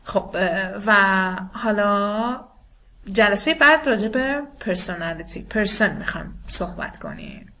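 A woman whose first language is Persian, teaching an online lesson on speaking scores, who explains in Persian and reads English rubric lines slowly and deliberately. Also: medium pitch, huge pitch swings, sharp tone. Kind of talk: recorded online lesson explaining scoring criteria.

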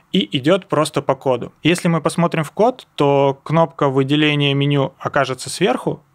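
A young man presenting an explanatory screencast lesson, talking informally and going through things step by step. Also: on the high side. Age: young adult. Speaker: presenter of a web accessibility lesson. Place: indoors, seated at a computer.

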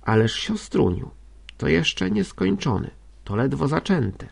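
A man reading a meek, hesitant gentleman in a storybook, his gravelly voice close to the narrator's own. He answers in a quiet, subdued way, as if reluctant to say more. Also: mid-range voice, normal speed. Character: meek, hesitant middle-aged gentleman brother. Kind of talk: audiobook character reading.

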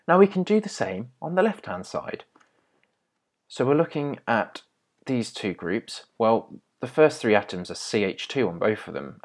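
A young man teaching chemistry step by step in a patient, explaining way, with small restarts. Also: lowish voice. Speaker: chemistry tutor. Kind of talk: explaining at a whiteboard.

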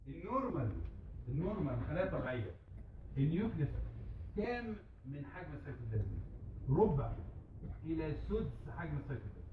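A man with an Egyptian Arabic accent giving a classroom lecture, asking the class questions and answering them himself, repeating key terms slowly. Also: a little high, sing-song, narrow, tinny audio. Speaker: medical lecturer. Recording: roomy, distant, noisy hall recording.

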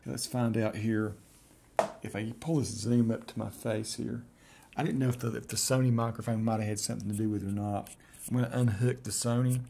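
A middle-aged man with an Appalachian accent, talking casually and deliberately as he demonstrates software. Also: lowish voice, steady tone, vocal fry, slight background noise. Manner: deliberate, spelling out punctuation while dictating. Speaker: software reviewer. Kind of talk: dictation test with casual commentary. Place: room at home, indoors.

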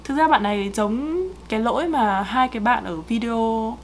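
A woman's voice: fairly high pitch, normal speed, slight background noise. A woman, co-hosting and giving casual, chatty feedback on pronunciation. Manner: chatty, explains at length. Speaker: co-host correcting pronunciation.

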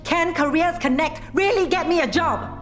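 A woman's voice: lowish voice, unhurried, a little mellow, faint music behind. A woman playing a weary, frustrated middle-aged mother looking for work, blunt and frank, in a naturalistic drama. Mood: angry, frustrated. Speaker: job seeker. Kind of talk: naturalistic screen drama acting.

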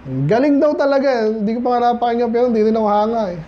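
A man's voice: extremely high pitch, racing. A Filipino man preaching a midweek Bible study sermon in a conversational way, often asking the congregation questions. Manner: conversational, mixes English into Tagalog, asks the congregation questions. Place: church hall. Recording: dull lo-fi church recording with faint noise.

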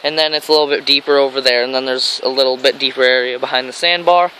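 An American fishing vlogger rambles enthusiastically on a grassy riverbank, his medium-pitched voice steady, quick, pushed and bright. The rough recording comes from a handheld camera mic outdoors, with stream and traffic noise behind him.

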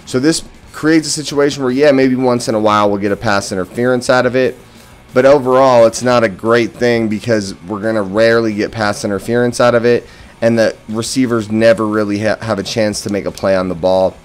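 An American man with a lowish, steady voice delivers fairly quick, casual post-game football commentary as a fan and podcast host. He is opinionated and hits key words emphatically, with music playing in the background.

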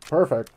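A man's voice: medium pitch, vocal fry, mellow, slight background noise. Laid-back swearing man streaming a game. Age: 30s. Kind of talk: casual live-stream chat.

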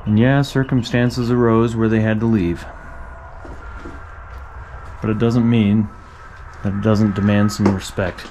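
Wandering an abandoned farmstead, mostly outdoors next to a highway, a man who vlogs and photographs abandoned places reflects casually on what he finds. His voice is dark and fairly monotone, a little slow, with long pauses. The field recording is noisy, with traffic from the nearby highway.

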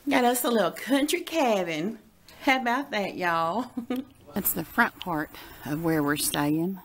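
A woman vlogger chats and laughs in a casual travel vlog, filmed on a phone held at arm's length inside a moving car with road noise in the background. Her medium-pitched voice is expressive, a bit bright and a little slow.

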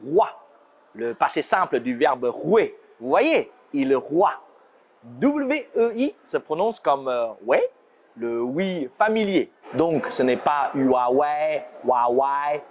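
A man from China with a Chinese accent, explaining brand names in a playful, scripted lesson and slowing down to show how words are said. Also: high-pitched. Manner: playful, slows down to demonstrate pronunciations. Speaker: language teacher.

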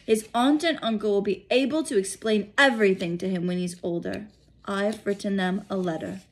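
A woman voicing a calm, solemn old male wizard in a storybook read-aloud, measured and firm. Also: mid-range voice, natural voice. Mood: firm, serious.

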